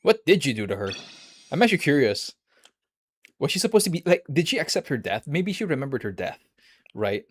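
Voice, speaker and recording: A man streaming a game, reading its story aloud and breaking off into excitable, laughing, sometimes swearing commentary. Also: fairly high pitch, a little fast, pauses often, husky, no room sound.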